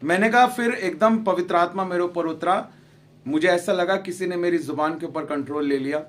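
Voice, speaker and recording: A man preaching a sermon in Punjab Hindi, telling a personal story and acting out the dialogue, dropping to hushed tones at emotional moments. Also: sits high, normal speed. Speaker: pastor. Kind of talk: sermon testimony. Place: large prayer gathering.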